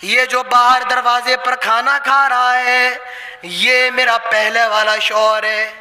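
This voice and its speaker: A man with a very high voice preaches in a lilting, repetitive chant. His voice rings through a reverberant hall. Music plays steadily behind him. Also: little pitch movement, bright, forceful tone. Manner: chanting, repetitive storytelling sermon. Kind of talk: sermon with a moral story.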